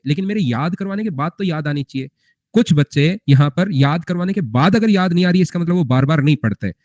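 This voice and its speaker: A man's voice: on the high side, a little mellow, no room sound. Coaxing male math teacher, muffled and dry. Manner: repetitive, coaxing, quizzing students with rhetorical questions. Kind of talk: live class lecture. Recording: muffled lo-fi recording.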